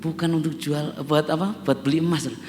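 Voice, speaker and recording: Speaking fast in a slightly high voice with fairly even intonation, this middle-aged Javanese pastor repeatedly addresses his congregation and builds to emphatic peaks. He is preaching in a church hall in Java, Indonesia, where long reverb rings and a faint instrument and background music sit behind him.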